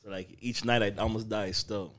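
A man's voice: lowish voice, steady tone, normal speed, fairly bright tone. A man hosting a casual podcast, teasing his friends in slangy street talk. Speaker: podcast host. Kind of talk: casual banter among friends.

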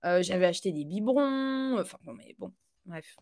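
Chatty French-speaking woman, halting. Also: medium pitch, expressive, a little mellow. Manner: chatty, halting, with many fillers and restarts; laughs easily. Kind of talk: casual conversational interview.

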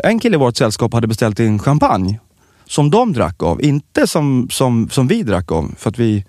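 A man co-hosting a podcast, chatting casually and telling stories with animated delivery. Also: no echo, studio quality. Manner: animated storytelling, lively pitch. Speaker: podcast co-host. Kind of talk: casual chat.

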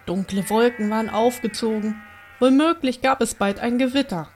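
A woman with a slightly high voice reading a bedtime story to young children. Her reading is gentle and expressive. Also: moderate pace, a little hiss or hum.

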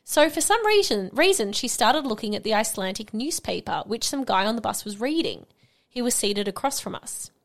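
A young woman hosts a casual podcast, reading listener stories aloud. Her voice sits high and bright, and it swoops up and down as she tells them. She is giggly and animated throughout. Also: fairly quick. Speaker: podcast host.

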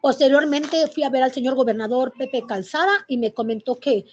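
A middle-aged Mexican woman telling her personal testimony in an interview, halting and emotional, with many fillers and restarts. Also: high voice. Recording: muffled lo-fi recording.

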